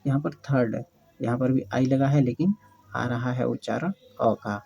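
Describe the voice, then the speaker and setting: A teacher giving a slow English lesson, spelling out words letter by letter and repeating questions to the class. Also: mid-range voice, fairly even intonation, creaky, warm tone, husky, dull audio. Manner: patient, repeats questions and answers.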